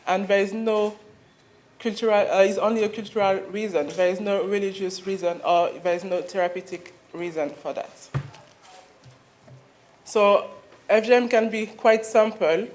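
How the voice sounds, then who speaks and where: A woman from Mali with a French accent gives an earnest conference presentation, pausing often as she searches for her words. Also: medium pitch, steady tone, darkish tone, slight background noise. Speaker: conference speaker. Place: university conference room.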